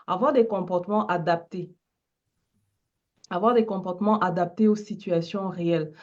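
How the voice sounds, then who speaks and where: Woman, coach, measured explaining tone, a bit muffled. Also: mid-range voice, darkish tone. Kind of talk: motivational talk on a live stream.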